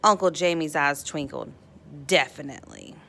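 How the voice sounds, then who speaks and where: A bright, animated woman with a mid-range voice reads a children's picture book aloud, using dramatic emphasis and playfully drawn-out words.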